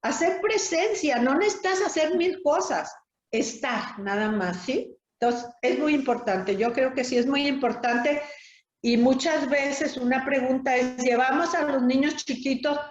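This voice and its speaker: A Mexican woman, a thanatologist, answering interview questions in an earnest, explaining way and often closing points with a quick tag question. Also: high voice. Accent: Mexican Spanish. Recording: roomy, dull lo-fi sound.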